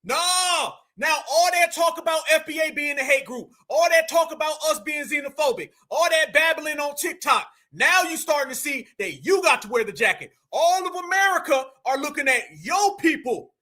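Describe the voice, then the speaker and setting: Male stream host, very high and bright, combative and preachy, rallying his audience. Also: lively intonation, moderate pace, few pauses. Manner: combative, preachy, addresses the audience as family and y'all. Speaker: livestream host. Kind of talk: political commentary livestream.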